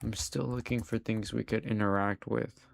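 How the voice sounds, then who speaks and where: While gaming live, a young man talks casually to his viewers' chat, dropping the occasional swear word. He's a streamer with a lowish, creaky voice, level tone and moderate pace, and there's slight background noise.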